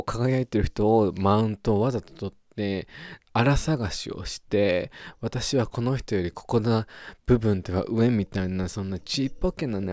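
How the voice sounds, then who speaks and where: Young japanese guy doing his podcast, lively up-and-down voice, warm low tone, dry close sound. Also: dry recording. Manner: playful, animated, with goofy sound words and wordplay. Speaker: podcast host. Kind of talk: casual solo podcast talk.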